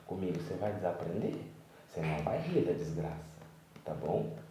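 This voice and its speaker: Soft-spoken young father, roomy and distant. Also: low-pitched, sing-song, moderate pace, slight background noise. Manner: gentle, coaxing, moralizing. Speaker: vlogger and father. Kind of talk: talking softly to his baby son on camera. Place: home, at night. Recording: echoey room, voice from off-mic.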